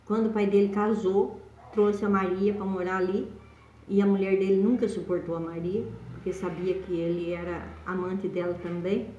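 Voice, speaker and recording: A woman's voice: mid-range voice, flat delivery, moderate pace, mellow, slight background noise. A woman telling a story in a casual, rambling way, often adding tag questions. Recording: dull echoey room.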